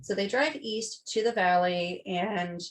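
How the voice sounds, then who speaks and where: A woman's voice: mid-range voice, a little slow. A woman co-hosting a podcast, telling a true-crime case in casual chat and swearing freely. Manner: chatty, swearing, quotes people in voices. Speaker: podcast co-host.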